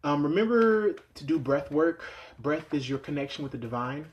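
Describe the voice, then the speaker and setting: A man's voice: animated, normal speed, highs cut off. Meditative man giving a tarot reading. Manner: meditative, repeats phrases, drops to low quiet voice. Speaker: tarot reader.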